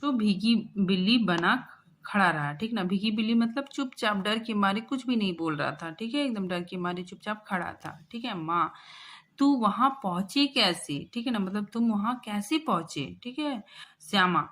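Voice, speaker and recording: A woman's voice: medium pitch, lively intonation, normal speed, fairly bright tone. A young woman teacher patiently explaining a school lesson, repeating herself and checking in with listeners often.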